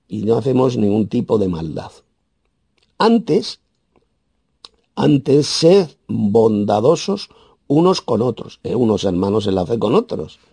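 A man with a Spain Spanish accent preaching a verse-by-verse sermon, emphatic and scornful, with sudden loud, high bursts and a habit of tagging his points with "¿eh?". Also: breathy edge, no room sound. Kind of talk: sermon, verse-by-verse Bible exposition.

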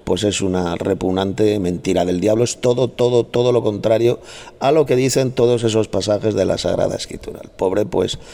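A gravelly man with a low voice teaches scripture in a combative, scolding way. He repeats his points and mocks his opponents with sharp insults. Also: normal speed. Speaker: Bible teacher. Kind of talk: heated Bible study debate.

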